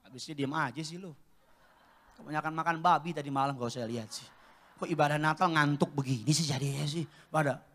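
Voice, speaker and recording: A pastor preaching a live church service, moving between loud exhortation and quiet joking asides. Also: male voice, on the high side, a little fast. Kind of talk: sermon. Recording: long church-hall reverb.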